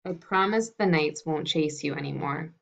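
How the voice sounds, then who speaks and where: A woman voicing a proud, defensive king from a picture book, protesting loudly. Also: low-pitched, moderate pace, gravelly, a little hiss or hum. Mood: conciliatory. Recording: dull lo-fi recording.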